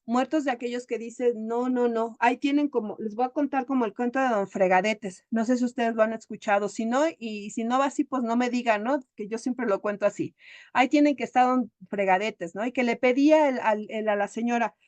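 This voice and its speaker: A woman therapist speaks in a lively, storytelling manner. Her voice sits fairly high. The recording is dry and close, with no room sound. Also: brisk, dry recording. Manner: chatty, animated storyteller. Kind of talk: storytelling talk.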